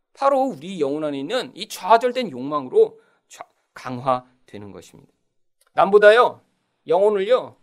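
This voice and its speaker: Middle-aged male pastor, high lively voice, animated sermon delivery that acts out quoted lines.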